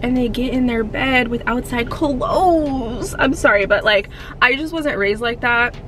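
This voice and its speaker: A young woman in a fitness vlog, talking bluntly and in an animated way, recorded from the dashboard of a parked car. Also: fairly high pitch, measured pace, a little hiss or hum. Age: young adult. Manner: blunt, animated, sassy, gestures while talking. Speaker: fitness vlogger. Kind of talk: casual chatty vlog. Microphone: camera on the dashboard.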